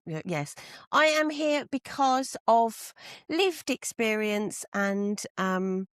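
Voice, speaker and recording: Woman, podcast co-host, wry, animated pitch, dry mic. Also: dry recording. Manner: dry, wry, quick to laugh. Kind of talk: casual chat.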